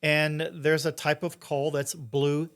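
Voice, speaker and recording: A man's voice: fairly high pitch, little pitch movement, slow pace. A middle-aged man speaking conversationally as a guest in an interview, explaining things informally. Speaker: interview guest, entrepreneur and investor.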